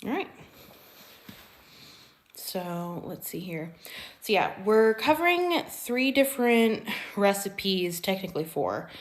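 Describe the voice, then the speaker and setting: A woman's voice: mid-range voice, sing-song, slow, pauses often, poor audio. A young woman hosting a live-streamed cooking class, chatty and rambling, with frequent ums and self-corrections.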